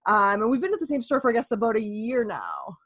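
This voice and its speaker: A woman's voice: on the high side, wildly swooping pitch, quick pace, fairly bright tone, breathy edge. A cheerful woman hosts a casual podcast chat. She talks in an upbeat, friendly way and scatters "um" through her sentences. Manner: upbeat, with many "um" fillers. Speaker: podcast host.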